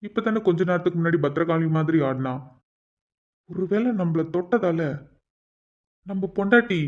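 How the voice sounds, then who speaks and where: A man's voice: high voice, normal speed, lightly acted. A man voicing a teasing young husband and father in a cartoon, chatty and full of joking asides. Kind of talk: cartoon voice acting. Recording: dull lo-fi recording.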